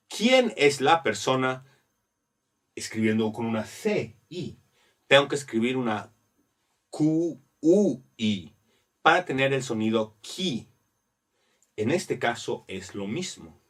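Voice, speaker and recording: A man teaching a grammar lesson, explaining slowly step by step and spelling letters out. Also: medium pitch, far from the mic. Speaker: Spanish teacher.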